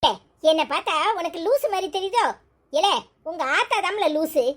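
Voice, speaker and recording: A woman's voice: very high voice, animated, moderate pace, background noise. A woman voicing a young village wife in a cartoon, grumbling and scolding. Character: young village wife, sulky and sharp-tongued. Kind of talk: cartoon storytelling.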